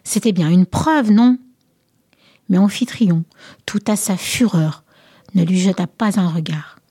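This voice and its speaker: A woman narrating a myth story in a soft, often half-whispered reading voice, close to the mic. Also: on the low side, measured pace, breathy edge, dry recording.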